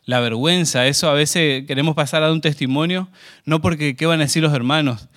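A man's voice: a little high, brisk, a bit bright. A man preaching a sermon in a conversational way, often asking the congregation questions.

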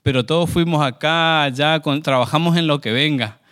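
A man's voice: on the high side, moderate pace, a bit bright, clear, resonant tone. A man preaching a sermon in a conversational way, often asking the congregation questions.

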